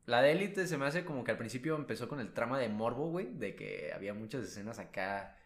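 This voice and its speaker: A man's voice: mid-range voice, expressive, quick pace. A man with a Mexican accent co-hosting a podcast in casual chat, slangy and profane, rambling with lots of fillers. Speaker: podcast co-host. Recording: roomy echo.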